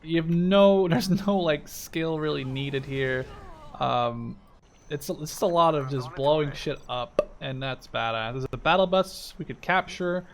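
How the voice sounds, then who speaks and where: With a fairly high pitch and an unhurried delivery, this gaming video host, a Dutch man in his 20s living in Canada, rambles enthusiastically about his game and swears a great deal. Clear war strategy game sounds fill the background.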